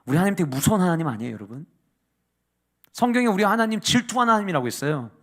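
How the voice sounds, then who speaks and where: A man preaching a sermon as pastor. He rises to loud, emphatic peaks and drops to hushed asides. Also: high voice, sing-song, very fast.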